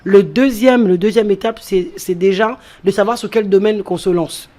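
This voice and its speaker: A French-raised woman with a mellow, medium-pitched voice speaks at a moderate pace. She is an entrepreneur appearing as an interview guest, walking through her points step by step and repeating key phrases for emphasis.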